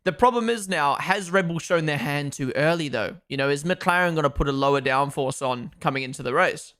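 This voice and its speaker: A man's voice: on the high side, a little fast, a bit bright. A young man from Australia and New Zealand hosting a live race watchalong, giving chatty, opinionated commentary and talking to his chat.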